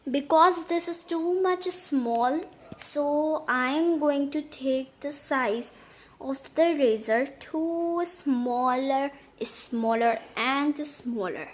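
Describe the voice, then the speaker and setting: A woman narrating a step-by-step app tutorial in halting, repetitive phrasing. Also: high-pitched. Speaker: tutorial host.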